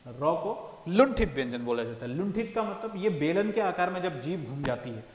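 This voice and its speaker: A man's voice: fairly high pitch, sing-song, normal speed. A man teaching a lesson on a board, explaining step by step and often checking in with his listeners. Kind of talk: classroom lecture. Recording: echoey room, long reverb.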